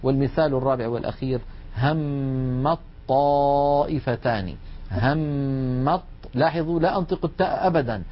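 Man, recitation teacher, patient lesson, slow recited examples, muffled lo-fi recording. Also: medium pitch. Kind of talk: classroom lesson on recitation rules. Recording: dull lo-fi recording.

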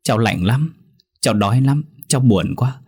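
A shrill, vengeful hanging ghost woman, put on by a man in an audio horror story. The voice sits low and a little husky, wheedling and menacing by turns. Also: fairly even intonation, unhurried. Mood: pleading. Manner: luring, then raging, then whimpering like a child.

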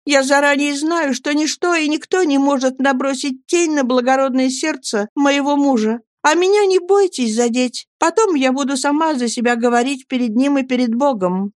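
A woman's voice: high voice, moderate pace, few pauses, no room sound, clean studio sound, voice pushed up, lightly acted. Annie, a pleading young wife, voiced by a woman. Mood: fervent. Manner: fervent, pleading. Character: young wife pleading earnestly, gentle and devoted.

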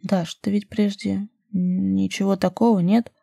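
A gruff army major giving short, muttered replies, played by a female narrator, a touch lower and quieter than her own voice. Dark and husky in tone, recorded close and dry. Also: steady tone, normal speed, dry recording. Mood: terse. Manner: terse, muttering.

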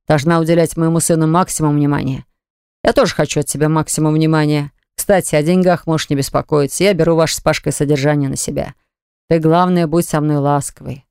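A narrator voicing a domineering man who lays down orders to his lover, speaking slowly and weightily in a smooth, dry, close-miked voice. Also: medium pitch, a little mellow, dry recording, close to an everyday voice. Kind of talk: audiobook character voice.

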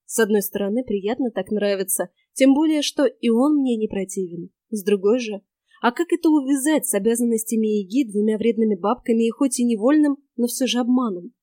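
A young woman narrating a first-person audiobook in a wry, sharp-tongued way. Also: a little high, brisk, no room sound. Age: young adult.

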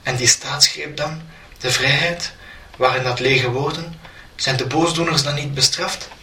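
A man's voice: mid-range voice, fairly even intonation, measured pace, pushed and bright. A man playing a shaken middle-aged ex-prisoner who protests in rising disbelief, in a spoken story. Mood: bewildered. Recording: roomy, distant mic.

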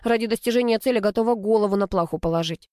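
A cool, unflappable young male instructor who answers with dry mockery, read out by a woman in her own mid-pitched voice. The sound is close and dry, with no room around it. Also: fast talker, darkish tone, dry recording, lightly acted. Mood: deadpan. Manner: cool, unflappable, mildly mocking. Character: calm deadpan young male skating instructor.

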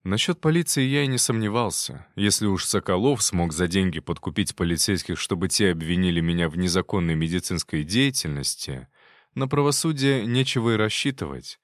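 A man narrating a first-person audiobook in a measured, wry inner-monologue manner. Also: deep voice, animated, no room sound, studio quality.

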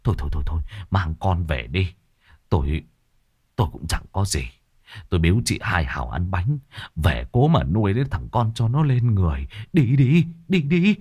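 A man voicing a gruff, scornful older village man who talks low and hushed, in a spoken ghost story. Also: very animated, moderate pace, heavily acted.

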